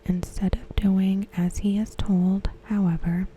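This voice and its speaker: Close to the mic, a female ASMR host softly whispers a scripted episode synopsis with gentle, deliberate phrasing. Her mid-range voice is breathy and mostly whispered, with a flat delivery. A faint hiss or hum sits in the background.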